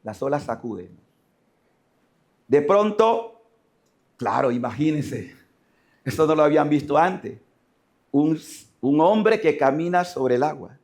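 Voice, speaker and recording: Animated, shouting Panamanian priest. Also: male voice, a little high, slow pace, long pauses. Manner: shouting, animated, dramatic acting out of scripture. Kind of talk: lively sermon. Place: church in Panama.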